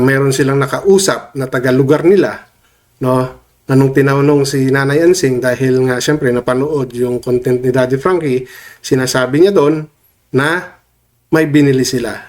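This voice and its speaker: Sniffling from a head cold that leaves his mid-range voice slightly off, a man vlogs to camera about online drama. He keeps things loose and chatty, tacking questions for his viewers onto his lines every few phrases.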